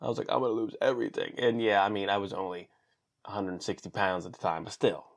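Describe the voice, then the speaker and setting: Animated storytelling man, low voice. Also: fast. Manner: animated, acts out quotes with big pitch jumps. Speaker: vlogger. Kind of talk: casual storytelling monologue.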